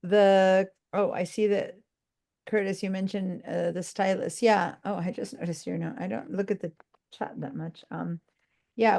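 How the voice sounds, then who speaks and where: A woman teaching a design software class over a video call, tired and a little scattered. Her voice is heavily gravelly, and she rambles with lots of fillers and restarts as she explains. She sounds like she is talking into a computer mic. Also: mid-range voice. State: sleep-deprived and tired. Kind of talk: live online class.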